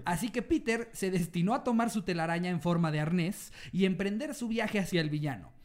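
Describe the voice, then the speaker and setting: A man's voice: sits high, brisk, darkish tone. A man with a Mexican accent hosting a podcast, joking in slang and reading listener stories aloud. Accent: Mexican Spanish. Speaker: podcast host.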